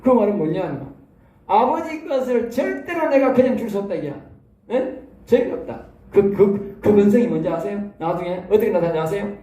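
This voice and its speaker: A South Korean pastor with a Gyeongsang accent gives a sermon in a reverberant church hall. His male voice is high and his pace normal, and he preaches in a lively, folksy style, often throwing rhetorical questions at the congregation.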